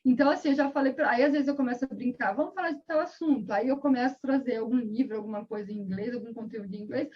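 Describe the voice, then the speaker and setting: A woman guest and mother talking casually in an interview, telling stories quickly with quoted bits of dialogue, heard over a video call. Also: on the high side, slightly rough. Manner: fast, chatty storytelling with quoted dialogue. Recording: dull lo-fi sound.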